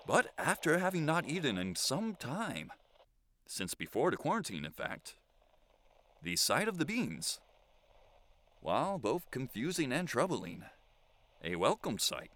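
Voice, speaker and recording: A man's voice: medium pitch, wildly swooping pitch, a little slow, long pauses, fairly bright tone. A man playing an eccentric, lonely survivor who hosts his own radio show, speaking in a theatrical, flowery, mock-formal way. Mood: whimsical. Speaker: lone radio broadcaster. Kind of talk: audio drama monologue.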